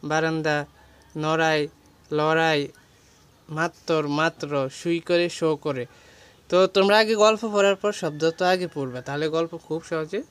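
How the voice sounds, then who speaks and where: Young male tutor, fairly high, smooth, even voice, working through a textbook for exam prep. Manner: walks page by page through a textbook, listing words and meanings. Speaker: teacher. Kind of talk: exam guidance lesson.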